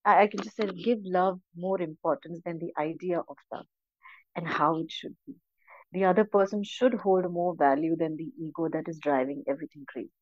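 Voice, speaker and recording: A woman's voice: lowish voice, normal speed, dry recording, muffled recording. A woman with an Indian accent giving casual, earnest advice as a podcast guest, emphatic and slipping into Hindi phrases.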